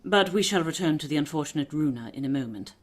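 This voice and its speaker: Woman playing a low-voiced, composed lady detective. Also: animated. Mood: grave. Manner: measured, authoritative, deliberate explaining. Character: Lady Molly, shrewd, composed aristocratic lady detective. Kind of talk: period mystery radio drama acting.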